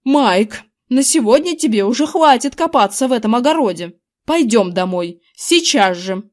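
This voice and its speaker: A woman's voice: a little high, animated, normal speed, close to an everyday voice. A woman playing a bossy scolding wife. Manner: scolding, emphatic. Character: bossy middle-aged wife, scolding and impatient. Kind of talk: audiobook character voice.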